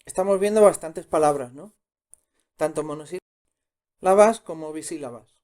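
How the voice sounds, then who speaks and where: Slow, patient man teaching sounds. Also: fairly high pitch, a little mellow. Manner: patient, repeats each sound twice. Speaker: Korean language teacher. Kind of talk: slow step-by-step pronunciation lesson.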